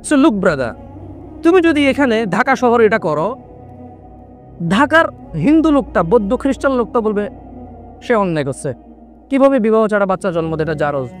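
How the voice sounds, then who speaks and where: A middle-aged man preaching a sermon in an animated way, mixing in English words and acting out little dialogues. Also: sits high. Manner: acts out dialogues in different voices. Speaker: Islamic preacher.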